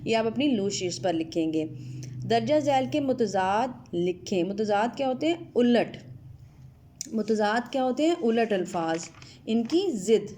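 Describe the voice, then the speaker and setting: A woman teacher from Pakistan giving an online Urdu lesson to students, drawing out each word slowly as she spells it. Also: a little high, expressive, warm tone, slight background noise. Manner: slow, drawn-out spelling of words. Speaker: school teacher.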